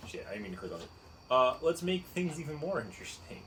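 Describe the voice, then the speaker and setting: A man co-hosting a podcast in casual chat, animated and incredulous, laughing often. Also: medium pitch, quick pace, slight background noise, low-quality recording. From United States. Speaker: podcast co-host.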